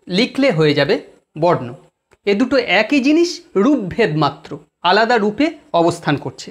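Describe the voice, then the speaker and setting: A Bengali grammar teacher with a West Bengal accent, giving an exam-prep lesson in a deliberate way, repeating key terms and speaking straight to the students. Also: mid-range voice.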